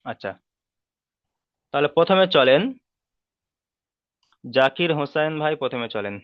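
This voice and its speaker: Bengali guy teaching quran reading online, dry flat lo-fi audio, repeats stuff a lot. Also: medium pitch, smooth, dry recording. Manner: patient, repeats rules slowly and asks if students follow. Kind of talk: online class lesson.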